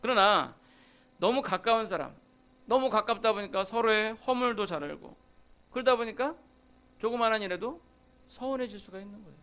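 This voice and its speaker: Male pastor, high voice, chatty sermon delivery that slips into acted-out everyday complaints. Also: moderate pace, long pauses, sharp tone, clear, resonant tone. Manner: conversational, acts out quoted grumbles. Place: church sanctuary.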